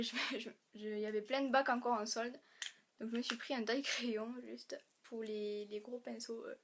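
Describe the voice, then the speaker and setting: A young woman from France, chatting through a beauty haul vlog, halting with fillers and restarts, a little hoarse and clearing her throat as she loses her voice. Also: a little high. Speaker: beauty vlogger.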